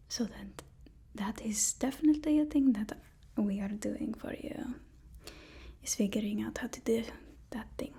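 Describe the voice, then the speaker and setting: A woman with a slightly high, warm, somewhat rough voice performs a whispered ASMR role-play. She plays a supervillain's timid, apologetic personal assistant, speaking hesitantly and trying to placate.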